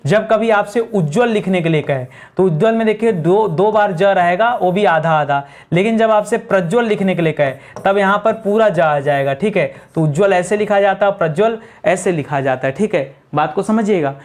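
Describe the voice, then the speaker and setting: Male tutor, exam-prep lecture, call-and-response drilling, slow letter-by-letter spelling. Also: high voice. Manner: drills students with repeated questions and answers; slows down to spell words out letter by letter. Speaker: Hindi grammar teacher.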